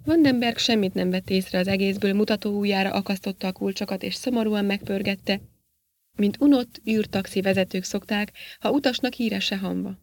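A woman narrating a science fiction story in an audiobook in a steady storytelling manner. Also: medium pitch.

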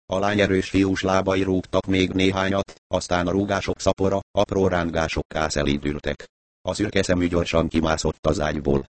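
Male audiobook narrator; deep voice, even and measured, dry close-mic sound. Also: dry recording.

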